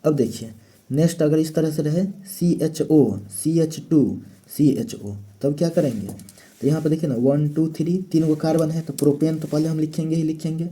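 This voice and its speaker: A man's voice: on the high side, normal speed, dark tone. A man teaching a chemistry lesson step by step, asking questions and answering them himself. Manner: step-by-step explaining, asks and answers his own questions. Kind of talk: classroom lecture.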